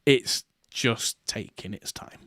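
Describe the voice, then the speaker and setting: A man's voice: takes it slowly, fairly bright tone, dry recording, studio quality. A man hosting a podcast, talking casually in a rambling way with plenty of fillers and restarts. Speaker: podcast host. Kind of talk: casual chat.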